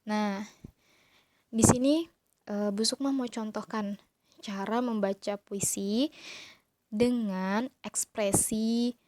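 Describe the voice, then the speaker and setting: A woman's voice: medium pitch, dark tone, dry recording, studio quality. A woman teacher patiently explaining, step by step, how to read a poem to her young pupils. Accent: Indonesian. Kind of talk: online class lesson.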